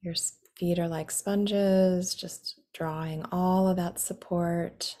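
Her voice sits on the low side, steady and slow, as she leads a guided meditation with calm instructions. At times her words drift into a breathy, almost whispered softness.

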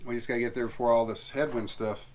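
A man's voice: medium pitch, fast. Guy on his sailboat walking thru the forecast, laid back, lots of uhs. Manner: relaxed, chatty, with many fillers. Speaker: sailing vlog host and boat owner. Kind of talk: casual explaining to camera. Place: aboard a sailing catamaran.

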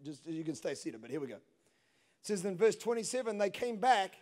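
A man in his thirties preaching a sermon on a large church stage into a handheld mic, swinging between hushed passages and shouted peaks. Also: high voice, very animated, fairly quick. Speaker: pastor. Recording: long hall reverb.

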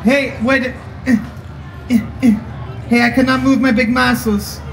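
High-pitched hammy evil wizard. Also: male voice, fairly even intonation, slow, creaky, full character voice, low-quality recording. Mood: whiny, defiant. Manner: hammy, loud, melodramatic. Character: comic evil wizard, boastful, whiny, childish show-off villain. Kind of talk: live children's stage comedy. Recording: live show, loud music and crowd.

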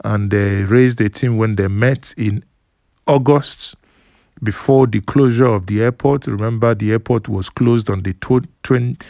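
A man giving an unhurried voice-over commentary on photos, explaining things at length with fillers and restarts. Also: fairly low pitch, a little mellow, no echo. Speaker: news commentator. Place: studio voice-over, not at the pictured site.

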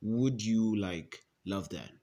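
In a homemade comedy sketch, a man voices a self-absorbed young brother. He rambles defensively and packs his talk with fillers. The voice sits slightly low. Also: takes it slowly, mellow.

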